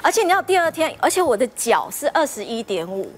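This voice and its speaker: A woman guest on a talk show, telling a story in an animated, exclaiming way. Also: sits high, fast.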